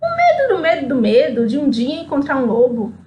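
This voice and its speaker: High-voiced woman reading a story aloud. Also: brisk, slight background noise. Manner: expressive, sing-song storytelling. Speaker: speaker at a spiritual center. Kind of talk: reading a children's story aloud, then a reflective talk.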